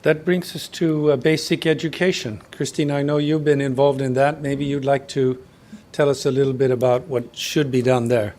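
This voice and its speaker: A man's voice: mid-range voice, steady tone, moderate pace, a little mellow. A man moderating a panel discussion, briefly handing questions to speakers.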